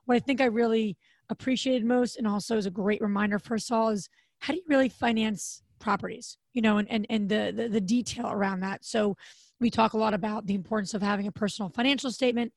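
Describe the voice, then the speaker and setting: A woman co-hosting a podcast in a casual chat, her voice raspy and hoarse, with a chatty manner full of restarts. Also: fairly even intonation, fast talker, darkish tone, no room sound. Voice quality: raspy, deep voice. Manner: chatty, frequent restarts and fillers. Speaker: podcast co-host.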